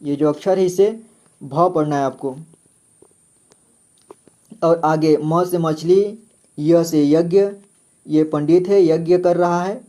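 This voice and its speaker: A man teaching the Hindi alphabet in a slow, patient way, repeating each letter and its example word. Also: fairly high pitch, fairly even intonation, warm tone. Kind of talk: slow step-by-step alphabet lesson.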